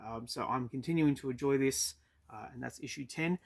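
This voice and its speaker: Aussie guy rambling about comics, lots of ums, mid pitch. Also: fairly quick, gravelly. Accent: Australian. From Australia. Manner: hesitant, many ums and uhs. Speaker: comic book collector vlogger. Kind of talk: casual review chat. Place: storage unit.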